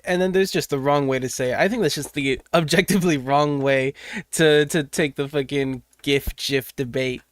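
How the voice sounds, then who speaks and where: A man's voice: mid-range voice, smooth, no echo, clean studio sound. A young man streaming while he draws, chatting casually, rambling and swearing, muttering to himself as he works. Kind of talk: casual livestream chat while drawing.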